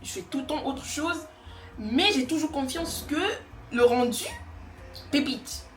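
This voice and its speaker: A woman's voice: high-pitched, unhurried. A young woman vlogger chatting casually to her viewers while doing her makeup, rambling and self-assured. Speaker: beauty vlogger. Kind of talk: casual get-ready-with-me chat. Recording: echoey room, faint music behind.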